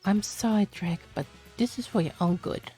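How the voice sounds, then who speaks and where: A woman's voice: mid-range voice, dark tone, faint music behind, close to an everyday voice. A woman reading as a sly male doctor. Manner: measured, questioning delivery. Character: smooth-talking male doctor questioning a cop. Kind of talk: reading game dialogue aloud.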